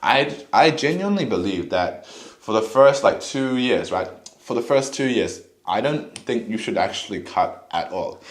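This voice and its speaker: A man's voice: mid-range voice, moderate pace. Blunt, profane young man in an echoey room. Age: young adult. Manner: blunt, profane, animated, mocks others in put-on voices. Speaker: fitness vlogger. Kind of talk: casual fitness advice vlog.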